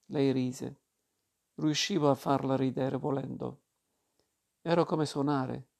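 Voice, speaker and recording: A man narrating a literary novel in the first person, in a calm and measured way. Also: mid-range voice, creaky. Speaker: audiobook narrator. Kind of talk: literary audiobook reading.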